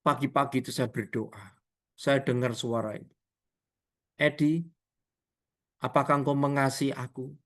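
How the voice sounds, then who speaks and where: A man's voice: fairly even intonation, moderate pace, pauses often. A middle-aged male preacher, giving a sermon over a video call, acting out prayers and dialogue and calling listeners "Saudara". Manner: swings widely in pitch and loudness, rising to near shouts and dropping to hushed asides. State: tearful when recalling prayer. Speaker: evangelist preacher.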